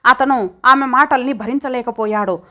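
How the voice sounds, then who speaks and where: A woman narrator giving a steady, expressive reading of a magazine short story for an audiobook. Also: high voice, normal speed.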